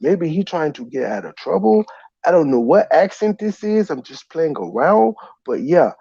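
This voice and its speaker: In a slightly high voice that's creaky, mellow and a bit rough, this man hosts a livestream at a moderate pace with lively intonation. He teases and plays mock-exasperated, over and over addressing "ma'am" in a put-on comic accent, as a commentator. The sound is dull, lo-fi and roomy.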